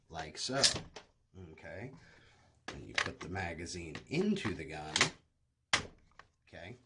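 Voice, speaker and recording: A middle-aged man with a slow rustic drawl, giving blunt, sarcastic, sweary firearms commentary. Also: on the low side. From West Virginia, United States. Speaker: reaction video host. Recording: loud noise with clicks.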